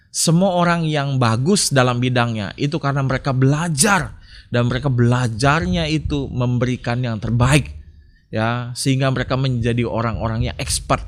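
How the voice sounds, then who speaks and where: A man preaching a sermon, chatty and storytelling, with frequent filler tags and animated anecdotes. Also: mid-range voice. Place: church online service.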